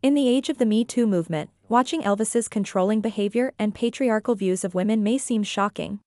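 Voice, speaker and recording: Her recording is dry and close-miked as this woman, a reviewer and author, reads her script fairly quickly. The medium-pitched delivery is even, earnest, and opinionated.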